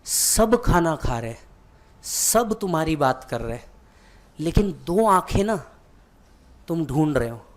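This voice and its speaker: A man's voice: on the high side, very animated, slow, pauses often. A man who teaches exam students, telling a vivid motivational story and speaking directly to the listener.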